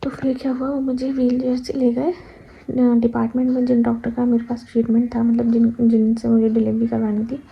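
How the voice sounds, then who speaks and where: A young woman tells a personal story, acting out what she said at the time. Her voice is husky and a little high, and her pitch stays fairly level. The recording is slightly dull and lo-fi. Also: brisk. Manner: animated retelling, acting out her own past cries. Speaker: vlogger. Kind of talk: casual storytelling vlog.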